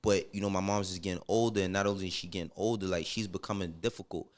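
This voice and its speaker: Deep-voiced and steady, the middle-aged New Yorker from Harlem talks quickly while guesting on a podcast. He's candid and casual, throwing out slangy, emphatic lines and repeatedly making sure the listener follows.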